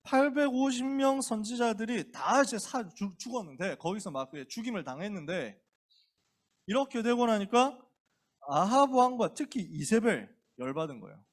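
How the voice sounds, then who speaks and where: Male pastor telling a bible story to teens, super casual, acts out every character, voice high and all over the place. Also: animated, normal speed. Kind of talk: youth sermon, casual storytelling.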